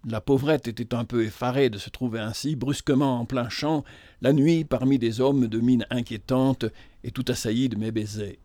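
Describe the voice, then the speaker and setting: A man's voice: medium pitch, steady tone, moderate pace, mellow, no echo, clean studio sound. A man narrating a novel aloud in a lyrical, impassioned reading style.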